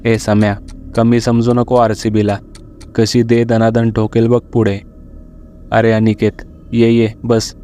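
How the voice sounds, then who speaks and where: A man's voice: mid-range voice, monotone, slow pace, pauses often, mellow, smooth, natural voice. A man voicing a cheeky young male roommate in a storybook reading, teasing and coaxing his friends.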